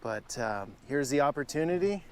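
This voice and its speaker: A man interviewing for a documentary, speaking in measured, thoughtful phrases. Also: a little high, expressive, a little hiss or hum.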